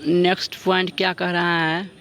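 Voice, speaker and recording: A man teaching an exam-prep grammar lesson, drawing out example sentences slowly as he dictates them. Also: sits high, monotone, a bit bright.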